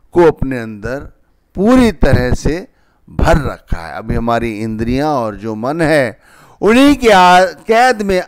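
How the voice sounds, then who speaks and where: A man's voice: medium pitch, darkish tone, smooth, no room sound. A man giving a devotional discourse as a spiritual teacher, patiently explaining scripture like a wise mentor.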